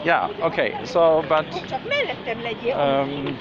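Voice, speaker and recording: A man whose first language is German, musing aloud in a slow, meandering way with many fillers and restarts, recorded outdoors in a city by water. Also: fairly high pitch, over a noisy crowd. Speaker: vlogger. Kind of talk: rambling spoken musing. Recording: loud outdoor noise, dull sound.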